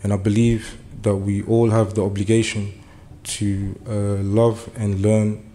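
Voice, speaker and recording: A young man from Germany addresses a meeting as a community speaker, earnest throughout. Hesitant and filler-heavy at first, he builds toward urgent appeals. His fairly low, warm voice is flat and a little slow, with a bit of hiss or hum on the recording.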